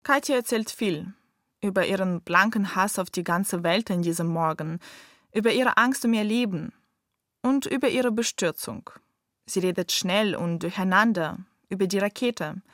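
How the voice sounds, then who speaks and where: A woman narrating a documentary she wrote, measured and reflective. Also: medium pitch, fairly bright tone, no room sound, clean studio sound.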